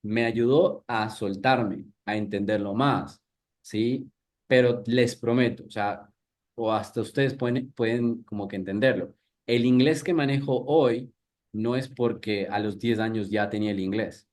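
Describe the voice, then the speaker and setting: An Ecuadorian English teacher in his thirties runs a live workshop in a conversational style, often restarting and putting questions to the audience. His voice is on the low side, darkish in tone, and measured in pace.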